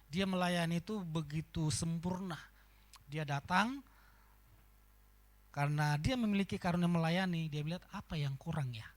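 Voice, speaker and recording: A male pastor preaching at a church youth service, animated, swinging between loud emphasis and soft conversational asides. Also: a little high, moderate pace, pauses often. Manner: acts out quoted people in conversational voices. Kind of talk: sermon.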